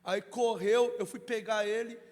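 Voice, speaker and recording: High-voiced pastor preaching. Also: male voice, fairly even intonation, unhurried. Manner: preaching, acts out dialogues, builds to shouts. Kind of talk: sermon. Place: church sanctuary. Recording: reverberant church hall.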